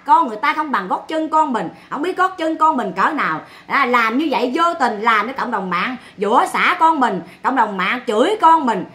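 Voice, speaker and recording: High, bright-voiced scolding Southern Vietnamese woman. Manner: scolding, sarcastic, blunt. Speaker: livestreamer. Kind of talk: ranting livestream commentary.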